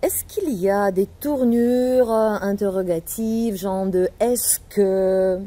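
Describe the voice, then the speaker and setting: A woman's voice: medium pitch, slow, dark tone, soft background music. A woman teacher leading an interactive language lesson, asking questions and modeling intonation. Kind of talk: interactive classroom dialogue.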